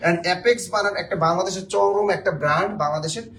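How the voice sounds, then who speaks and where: Male teacher, high-pitched, quick, jokey, quizzes the class, faint background hiss. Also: creaky, fairly bright tone. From Bangladesh. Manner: joking, quizzes the viewers. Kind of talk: spelling lesson for job exams.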